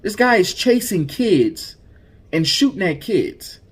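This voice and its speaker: Male host, commentary podcast; indignant, emphatic, stumbling restarts, very animated pitch. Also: slow pace, breathy edge.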